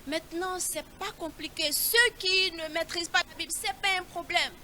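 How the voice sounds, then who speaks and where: A woman leading a children's Bible riddle quiz, reading each clue slowly and repeating it in a coaxing way. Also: very high voice, fairly even intonation, bright, forceful tone.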